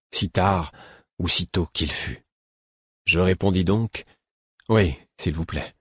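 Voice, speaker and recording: A man narrating an audiobook in a calm, measured way. His voice is low with a husky texture. The recording is close and dry. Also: no room sound.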